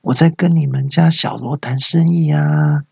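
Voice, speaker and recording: A man doing a hoarse fake client. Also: fairly high pitch, fairly even intonation, moderate pace, no room sound, dull audio, voice pushed up, heavily acted. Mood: fawning. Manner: fawning and slipping up.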